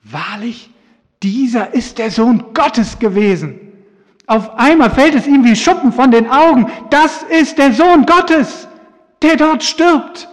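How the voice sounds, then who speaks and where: A man's voice: very high-pitched, expressive, takes it slowly, big-room sound. A male pastor preaching a sermon at a church service, earnest and appealing directly to his listeners.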